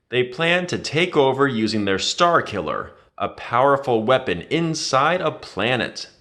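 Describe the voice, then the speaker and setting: Reading an adventure tale for children, this storybook narrator uses a medium-pitched, somewhat bright voice. He tells it with emphatic drama.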